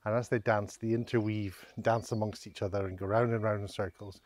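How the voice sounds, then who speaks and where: Walking outdoors along country lanes and village streets, a middle-aged man talks to a handheld camera at arm's length, offering wry, self-deprecating remarks and hesitant asides as a vlogger and walking guide. He speaks fairly quickly in a low, darkish, level voice.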